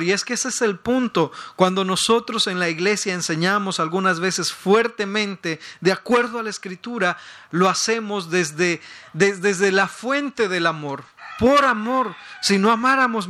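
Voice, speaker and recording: Pastor guy preaching, high and bright, keeps repeating words and getting loud. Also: moderate pace. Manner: emphatic, rises to loud peaks and repeats words. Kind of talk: sermon.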